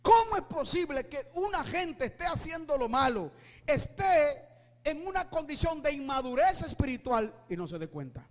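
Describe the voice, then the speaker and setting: A male pastor preaching with fervor, shouting at his peaks and asking his listeners rhetorical questions. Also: very high-pitched, sing-song, moderate pace, big-room sound. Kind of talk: preaching sermon.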